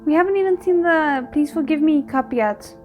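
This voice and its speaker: With faint music behind her, a reaction video host responds live to a drama series in a casual, wry way, asking the on-screen characters rhetorical questions. Her high voice is slightly mellow and moves at a normal speed.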